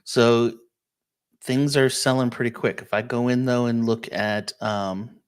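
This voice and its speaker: A man's voice: medium pitch, fairly even intonation, measured pace, smooth. A man, a real estate agent, giving a casual live-stream walkthrough of listings and answering viewer questions, checking in often with "okay?". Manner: casual, explanatory, many "um" and "okay?" check-ins.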